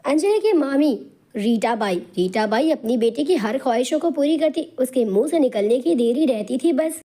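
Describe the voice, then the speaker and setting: Mellow-voiced woman narrating a cartoon story. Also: sits high, animated, moderate pace. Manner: dramatic, sympathetic storytelling.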